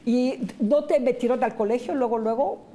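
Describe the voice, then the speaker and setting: A woman's voice: on the high side, moderate pace, warm tone, slight background noise. A middle-aged woman with a Mexican Spanish accent hosting a TV interview, chatty and leading the guest with questions. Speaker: TV host.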